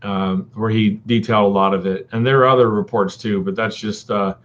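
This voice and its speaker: A man's voice: on the low side, steady tone, brisk, fairly bright tone. Rambling man on a lo-fi stream. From Texas. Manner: rambling, many ums and uhs; folksy, addresses viewers as buddy and dude. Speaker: live streamer. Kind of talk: casual live-stream chat with viewers. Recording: dull lo-fi stream audio.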